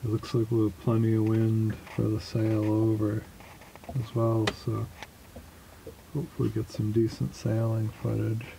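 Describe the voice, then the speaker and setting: A man talking casually in a slow, halting way with many fillers, recorded in a small boat cabin at anchor. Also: fairly low pitch, completely flat delivery, creaky, noisy background. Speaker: small boat sailor vlogging. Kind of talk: casual spoken log.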